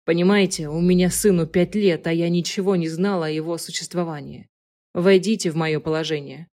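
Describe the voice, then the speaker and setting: A woman's voice: lowish voice, steady tone, a little fast, warm tone, lightly acted. A woman voicing an impulsive man in his thirties who speaks urgently and emphatically in an audiobook. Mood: pleading.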